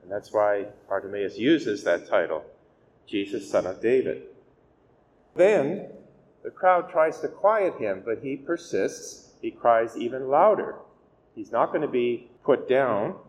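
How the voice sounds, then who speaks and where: A man speaking as a priest giving a scripture reading and homily, measured and deliberate with emphatic key words, his voice echoing as in a cathedral. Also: mid-range voice, big pitch swings, a little mellow, dull audio. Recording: echoey church reverb, clear background noise.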